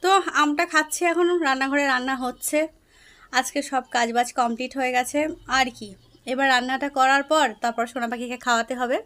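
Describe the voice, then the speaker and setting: A young woman with a high voice talks casually at home, narrating her cooking in small steps. She keeps turning to coax her little daughter in a fond, chatty way. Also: steady tone, a little fast, a bit bright. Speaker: vlogger and mother. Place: home kitchen.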